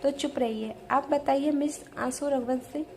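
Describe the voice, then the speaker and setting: A woman's voice: high voice, fairly even intonation, measured pace, a little mellow, slight background noise. A woman voicing a stern male college principal in an audio story, strict and commanding.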